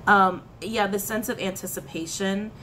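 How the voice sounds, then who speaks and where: This woman, in her thirties, speaks at a moderate pace in a medium-pitched voice, with a bit of background noise. Doing a relaxed tarot reading to camera in a small room, she's chatty and full of hand gestures, laughs and repeated phrases, shown head and shoulders from the front.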